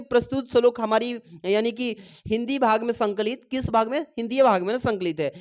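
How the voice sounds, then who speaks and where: Encouraging male teacher coaching students. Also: extremely high pitch. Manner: encouraging, calls students "babu" and "dear children", reads verse aloud. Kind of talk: exam-prep lesson.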